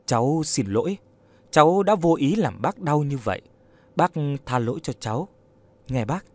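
A man voicing a polite, gently probing young woman. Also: on the high side, lively intonation, moderate pace, no echo. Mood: apologetic.

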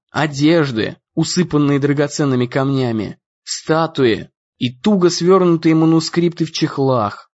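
Male storybook narrator, slightly high voice, muffled lo-fi sound, reads every character himself. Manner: reads all the characters' lines himself, lifting his voice for shouted lines. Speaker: audiobook narrator. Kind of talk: scripted narration. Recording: dull lo-fi audio.

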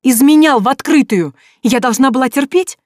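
A woman's voice: mid-range voice, fast talker, mellow, dry recording, studio quality, pitched above the performer's own voice, lightly acted. A narrator voicing a frightened young woman who pleads and cries out through tears, in a storybook reading. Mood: desperate pleading. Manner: pleading, crying out. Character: frightened young wife, terrified and tearful.

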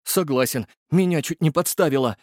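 A man voicing a jittery, cautious young male driver who haggles excitedly. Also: on the high side, normal speed, no room sound, studio quality, voice pushed up, close to an everyday voice. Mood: agitated.

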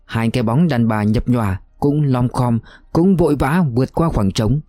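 A man narrating a war novel in a somber, steady reading voice. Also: medium pitch, normal speed, no room sound, studio quality. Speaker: audiobook narrator.

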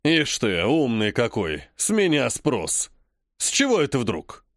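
A man voicing a grumbling old grandfather, the head of a noble clan, who speaks slowly and scolds. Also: medium pitch, wildly swooping pitch, no echo, studio quality, voice pushed down. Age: over 60. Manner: slow, grumpy, scolding.

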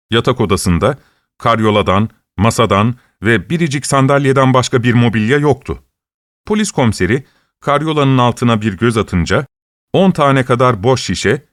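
A man's voice: medium pitch, no room sound. Man narrating a story, dry close voice. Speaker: audiobook narrator. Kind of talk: scripted narration.

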